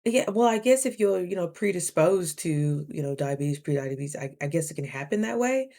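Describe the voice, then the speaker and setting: Woman, 30s, somewhat low pitch, animated casual storytelling, vlog to camera. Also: normal speed. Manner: animated, chatty, acts out both sides of conversations. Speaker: vlogger.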